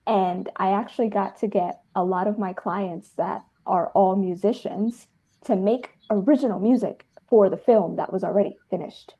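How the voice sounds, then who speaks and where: In a casual interview, a filmmaker and dancer from New Jersey, United States, in her 30s, talks effusively and with emphasis. She has a mid-range voice with a steady tone and moderate pace, captured in dull audio.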